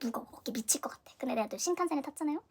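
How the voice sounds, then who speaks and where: A young Korean woman telling a story in a casual vlog, animated and dramatic, acting out her own reactions. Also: high voice, racing, slight background noise. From South Korea. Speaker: vlogger. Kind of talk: casual storytelling concert review.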